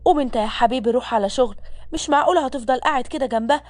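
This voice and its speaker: A woman's voice: high-pitched, very fast, a little mellow, no room sound, lightly acted. A woman voicing a kindly older mother with an Egyptian accent, fussing over and soothing the people around her. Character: kindly older mother, teasing but caring.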